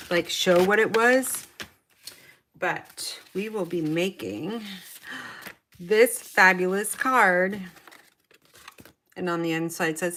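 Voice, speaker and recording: A woman's voice: fairly low pitch, fairly bright tone. A middle-aged woman chatting her way through a paper craft tutorial, talking to herself as she works. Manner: chatty, talks to herself while working. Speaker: papercraft demonstrator.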